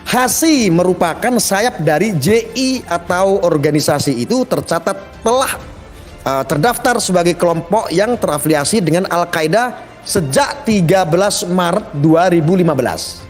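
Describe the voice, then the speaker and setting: A man's voice: high-pitched, lively intonation, normal speed, long reverb tail, soft background music. A man hosting a commentary monologue, speaking emphatically, repeating himself and addressing listeners directly. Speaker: commentary channel host.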